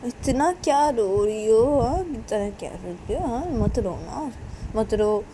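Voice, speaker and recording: A woman's voice: fairly high pitch, expressive, slow, noisy background. A woman voicing a middle-aged mother who coaxes and soothes with repeated questions. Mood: soothing. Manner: coaxing and repetitive.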